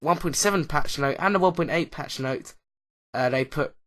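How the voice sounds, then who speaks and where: A man's voice: a little high, moderate pace, fairly bright tone. Man rambling through a gaming video. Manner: hesitant, lots of uh and um fillers; rambling, loses track mid-sentence. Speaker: YouTuber, Minecraft Let's Player. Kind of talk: casual commentary over gameplay.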